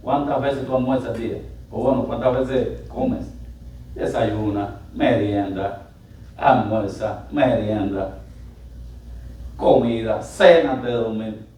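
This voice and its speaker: A male pastor preaching a sermon, animated and building up to loud exclamations, recorded in a church sanctuary. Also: mid-range voice, takes it slowly, distant mic, a little hiss or hum. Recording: echoey church hall miked from afar.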